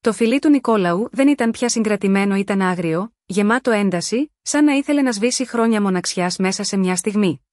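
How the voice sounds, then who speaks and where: A woman reading a scripted first-person romance story in a measured, sensual storytelling manner. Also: mid-range voice, a little mellow, no room sound, clean studio sound.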